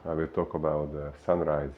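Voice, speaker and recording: A man from Hungary with a Hungarian accent, a fitness coach giving an unhurried explainer talk full of filler pauses. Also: very deep voice, flat delivery, narrow, tinny audio.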